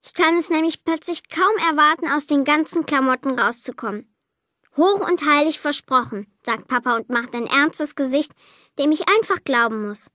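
A woman reading a children's Christmas story aloud, lively and lightly voicing the girl and her parents. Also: sits high, moderate pace, dry recording. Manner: lively, voices the child, mother and father lightly.

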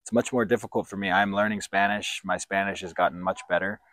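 A man in his thirties speaks in a low voice, measured and reflective as he answers interview questions. He holds a handheld mic outdoors, and the sound is close and dry with no room echo. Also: fairly even intonation, fairly bright tone. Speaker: professional footballer interviewee. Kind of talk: sit-down interview. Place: outdoors by sports courts. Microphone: handheld branded mic.

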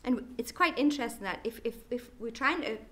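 A woman's voice: a little high, animated, brisk, fairly bright tone. A middle-aged woman with a Geordie accent, a nurse consultant giving a conference presentation with chatty, jokey asides to the audience. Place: lecture hall at an education day.

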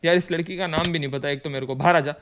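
A young man giving loud, excitable let's-play commentary, shouting alarmed bursts as he plays with friends. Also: fairly high pitch, very fast. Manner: loud, excitable, yelling bursts of alarm, mixes English exclamations into Hindi. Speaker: gaming YouTuber playing with friends. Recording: game music playing clearly behind.

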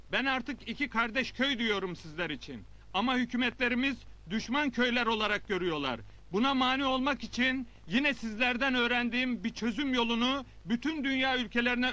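A man's voice: very high-pitched, pushed and bright, muffled recording. A man acting a middle-aged, earnest and headstrong newspaper reporter in a comedy film.

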